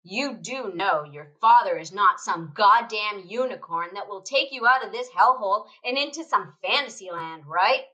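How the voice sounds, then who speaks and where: A woman's voice: mid-range voice, lively intonation, moderate pace, few pauses, bright, forceful tone, poor audio. A woman playing a bitter, crass middle-aged mother who scolds and sneers at her kids in a student radio play. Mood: scolding. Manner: nagging, scolding, sarcastic.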